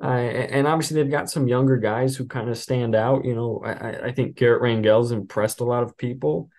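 A man's voice: mid-range voice, brisk. Chatty man hosting a sports podcast. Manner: relaxed, talkative, frequent fillers and restarts. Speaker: podcast host, sports beat reporter. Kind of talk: casual sports podcast chat.

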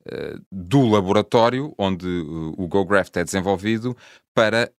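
A man's voice: low-pitched, measured pace, dry recording, studio quality. A man with a European Portuguese accent interviewing a guest, rephrasing points for listeners. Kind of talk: interview questions.

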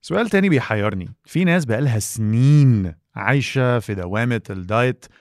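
A man's voice: medium pitch, animated, fast, darkish tone, no room sound, studio quality. A man with an Egyptian Arabic accent, co-hosting a podcast in a partly scripted presenting style. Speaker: co-host.

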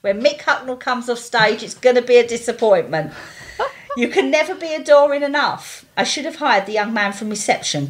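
East london woman reading out a story, chatty and blunt, voice goes up and down loads. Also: on the high side. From East London, England. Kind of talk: reading a written story aloud with chatty asides.

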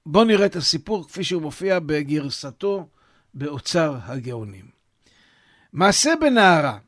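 A male rabbi with a fairly high voice and a dry, close sound tells a talmudic story as a lesson. He reads the old text slowly and dramatically, and his phrases sink at the ends. Then he retells each part in simple everyday words. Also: no echo. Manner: dramatic read-aloud, drawn-out words and falling phrase ends; explains in plain words after each quoted line. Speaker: rabbi teaching a talmudic tale. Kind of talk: storytelling lesson, reading a source aloud and explaining it.

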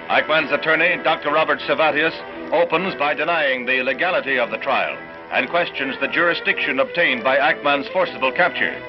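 A man with a fairly high voice narrates an old newsreel at a brisk pace in a dramatic announcer style. It comes from archive footage, with lo-fi old newsreel audio and music.

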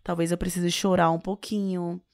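Answering interview questions as a guest, this author gives advice in an expressive way, stressing important words. Her voice is on the low side at a moderate pace, captured in a dry, studio-quality recording.

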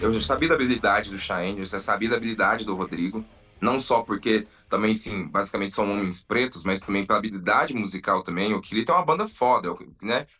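A man in his thirties, a band founder, telling his story in an earnest, drawn-out way with pauses. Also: fairly low pitch, pushed and bright. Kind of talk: reflective storytelling.

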